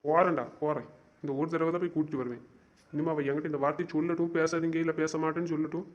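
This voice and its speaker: A young man acting as a stubborn, wounded young lover, who rattles off insistent, exasperated complaints at a brisk pace. His voice sits a bit high for a man. The amateur web-drama recording sounds dull and lo-fi. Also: steady tone, close to an everyday voice. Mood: frustrated. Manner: insistent, exasperated, repeats himself.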